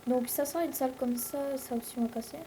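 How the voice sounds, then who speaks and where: Une jeune femme à l'français commente sa partie de jeu vidéo sur un ton décontracté et bavard, avec beaucoup d'hésitations. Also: female voice, high voice, fairly even intonation, fast, mellow, a little hiss or hum, rough recording. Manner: rambling, chatty, many fillers. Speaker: let's play host. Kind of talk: casual gameplay commentary.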